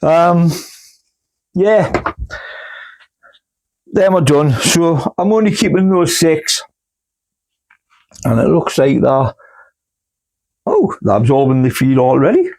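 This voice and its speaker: Slow, chatty gardener man. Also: fairly high pitch, big pitch swings, creaky, a little mellow. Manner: rambling, homely, full of fillers. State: hiccups. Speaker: gardening channel host. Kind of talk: casual chat while potting plants. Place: indoors in a cool grow room.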